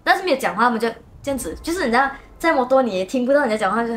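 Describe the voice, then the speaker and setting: A woman host, telling a story in a lively, casual way and acting out sounds. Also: fairly high pitch, very fast. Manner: animated, acts out sounds and motions.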